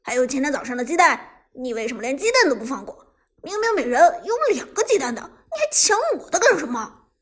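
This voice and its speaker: A woman voicing an indignant young woman who complains quickly and loudly. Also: high-pitched, sing-song. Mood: aggrieved. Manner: aggrieved, rapid complaining.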